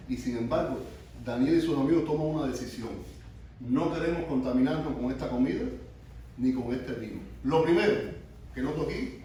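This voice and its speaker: A man teaching a sermon to young people, stopping often to quiz them and starting his phrases over. His voice sits at a middle pitch and comes from some distance away, caught in a very echoey room with a faint hiss underneath. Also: mellow. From Cuba. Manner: asks the group questions, restarts often. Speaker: youth pastor. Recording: echoey room, mic from far off.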